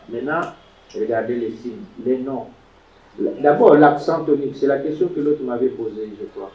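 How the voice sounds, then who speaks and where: Slow, animated teacher in an echoey classroom. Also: male voice, mid-range voice. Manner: animated, emphatic teacher pronouncing Hebrew words syllable by syllable. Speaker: Hebrew teacher. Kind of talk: classroom lecture. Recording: echoey room, distant mic, dull lo-fi sound.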